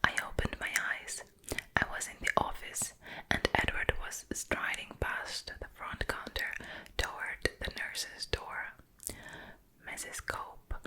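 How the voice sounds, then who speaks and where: Using a close ear-to-ear ASMR mic, a female creator reads from a novel in a soft, slow, unvoiced whisper as part of a role-play.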